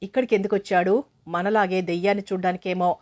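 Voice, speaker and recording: A woman voicing a bold, quick-thinking young village boy in a hushed, urgent way. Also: on the low side, fairly even intonation, lightly acted.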